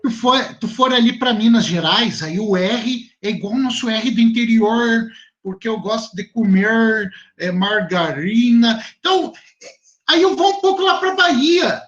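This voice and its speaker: A man with a Rio Grande do Sul accent teaching a class, lively and chatty, speaking straight to his students. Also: extremely high pitch, measured pace, dull audio. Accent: southern Brazilian, Rio Grande do Sul. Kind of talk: online class talk to students.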